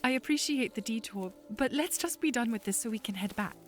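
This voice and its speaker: A woman's voice: on the high side, fairly quick, natural voice. A woman voicing an earnest, curious young princess in an audio drama. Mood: deflated. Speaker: voice actor. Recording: soft music behind.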